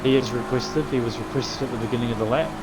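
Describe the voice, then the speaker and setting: A man's voice: medium pitch, fairly even intonation, fast talker, heavy background noise. A man, chatting casually and laid-back with his racing team during a race. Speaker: sim racing team driver.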